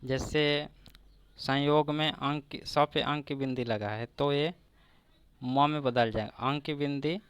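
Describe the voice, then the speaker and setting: A man teaching grammar for competitive exams, walking through examples one at a time at an unhurried pace. His voice is clear and resonant, and it sounds close and dry with no room echo. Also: medium pitch, fairly bright tone. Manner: slow, repeating each example word by word. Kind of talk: exam-prep grammar lesson.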